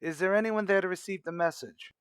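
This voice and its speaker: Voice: medium pitch, fairly quick, clear, resonant tone, no echo, clean studio sound, close to an everyday voice. An actor playing a polite telegram clerk, reciting in a formal, matter-of-fact way in a retro radio drama. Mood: businesslike.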